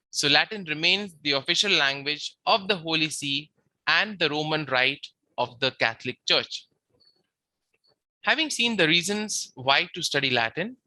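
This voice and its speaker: A very bright, sharp-toned teacher delivers a beginner grammar lecture in a methodical, step-by-step way. The voice sits close to the mic in a dry, dead space, and each example word is repeated slowly. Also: medium pitch, dry recording. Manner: habitually says "we see". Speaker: Latin teacher.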